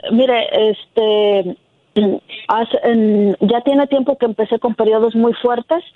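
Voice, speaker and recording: A woman's voice: fairly high pitch, fairly even intonation, slow, dry recording. A woman in her fifties calling in by telephone, telling her personal story hesitantly with frequent filler words, on a tinny line. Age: 50s. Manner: hesitant, filler-heavy with repeated "este". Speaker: caller. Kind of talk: personal account to a call-in host.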